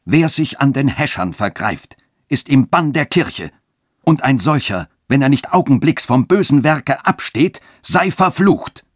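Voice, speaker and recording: A man's voice: on the low side, lively intonation, normal speed, no room sound, clean studio sound. A man reading a literary radio story and voicing a wrathful, fanatical bishop who thunders his commands. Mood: furious.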